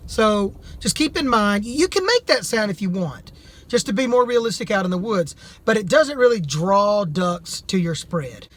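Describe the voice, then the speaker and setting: Guy with a pretty high voice doing a casual product demo, folksy and plain spoken, bit hesitant. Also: lively intonation, moderate pace. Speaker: amateur duck hunter reviewing calls.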